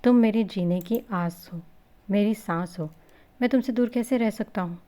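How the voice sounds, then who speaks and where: A woman's voice: medium pitch, moderate pace, mellow, close to an everyday voice. A woman reading the part of an affectionate, joking young husband in a storybook reading.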